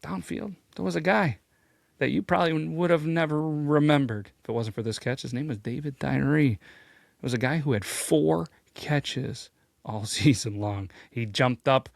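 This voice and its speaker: A man hosting a sports ranking show, telling the story with jokey asides and rising excitement. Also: moderate pace, creaky, dry recording, clean studio sound. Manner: animated, jokey, pitch swings when excited. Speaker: host. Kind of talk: energetic sports commentary.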